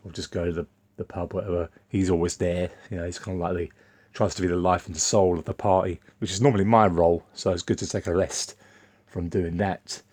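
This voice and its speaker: A man's voice: low-pitched, fairly even intonation, a little fast, a little mellow, husky, no room sound. A man, rambling bluntly in a casual off-the-cuff vlog monologue. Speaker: vlogger.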